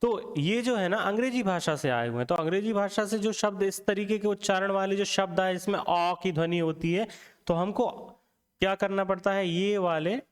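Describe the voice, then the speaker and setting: A man's voice: high voice, normal speed, clear, resonant tone, in a large hall. A man teaching a Hindi grammar lesson, asking the class questions and answering them himself, often checking in with "theek hai".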